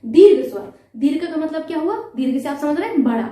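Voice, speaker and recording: A woman's voice: high-pitched, expressive, brisk, warm tone, distant mic. A woman teaching a Hindi grammar lesson for exam preparation. She asks her students questions and answers them herself, patiently repeating the key terms. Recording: echoey room, voice away from the mic.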